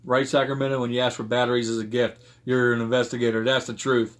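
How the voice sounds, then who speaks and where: A man's voice: mid-range voice, level tone, quick pace. Joking man answering stream chat. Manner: joking, greets chat viewers. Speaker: paranormal investigator, co-host. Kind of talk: casual live-stream chat, reading viewer comments.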